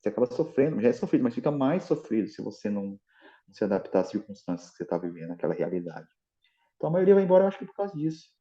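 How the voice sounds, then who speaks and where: Fast-talking Brazilian man, dark voice. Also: on the low side, very animated, muffled recording. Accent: Brazilian Portuguese. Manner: explains at length with many restarts and fillers. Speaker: guest. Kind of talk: casual interview chat.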